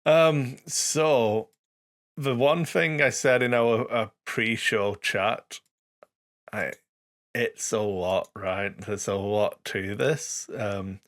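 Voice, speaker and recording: Gravelly man with dry humor. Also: fairly low pitch, a bit bright. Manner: dry, sarcastic, halting with fillers. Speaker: podcast co-host. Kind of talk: casual hobby podcast chat.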